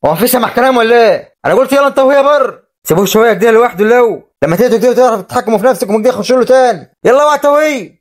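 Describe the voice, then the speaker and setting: A man with an Egyptian accent voicing a bossy, impatient grown man in an animated drama, ordering the family out of the room. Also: high voice, very fast, hardly any pauses, natural voice. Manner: commanding. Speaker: voice actor.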